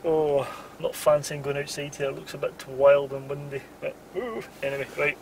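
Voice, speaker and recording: Speaking at a normal pace in a gravelly voice, a Scottish man in his forties vlogs casually from his bed in the back of a car at night, his words hushed and low with small laughs as he rambles. The camera sits close up on the dashboard, and the rough recording carries slight background noise.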